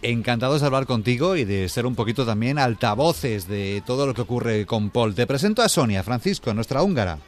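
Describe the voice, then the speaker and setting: A male radio host reads a smooth, polished introduction in a mid-pitched voice. Soft music plays faintly under him. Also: expressive, fairly quick, hardly any pauses.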